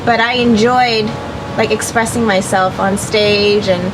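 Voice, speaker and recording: Young woman, actress being interviewed, chatty, laughs a lot, loose fillers, mid pitch, audible background hum. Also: steady tone, a little slow. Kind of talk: casual interview.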